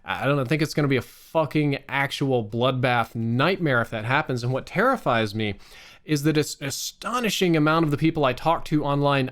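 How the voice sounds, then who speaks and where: An American man giving a candid, exasperated rant to his viewers, swearing freely and stressing words by drawing them out. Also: a little high. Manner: profane, exasperated. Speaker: online streamer.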